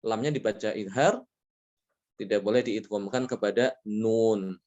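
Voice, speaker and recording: A man teaching a Quran recitation lesson, explaining rules patiently, checking in with frequent "ya" and chanting Arabic examples slowly. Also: fairly low pitch, steady tone, a little mellow, lo-fi sound. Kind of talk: religious lesson on tajweed rules.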